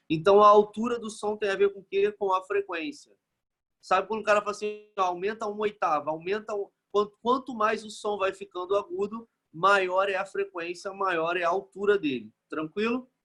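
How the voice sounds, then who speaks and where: A man's voice: sits high, a bit bright. A man from Brazil, teaching a physics lesson in a casual, joking way and checking in with the class after nearly every phrase.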